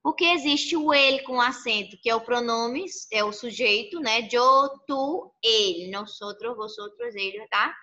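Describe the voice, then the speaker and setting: Bright-voiced woman teaching a class. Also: fairly high pitch, measured pace, few pauses. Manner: explanatory, checks in with frequent "tá?". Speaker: Spanish teacher. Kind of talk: recorded online class. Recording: muffled lo-fi audio.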